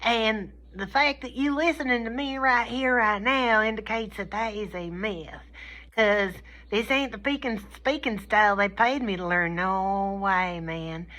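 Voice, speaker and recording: A woman lecturer teaching a communication class gives an informal, folksy comedic talk in a medium-pitched voice with a bright, forceful tone. She's playful and colloquial, frequently checking in with her listeners.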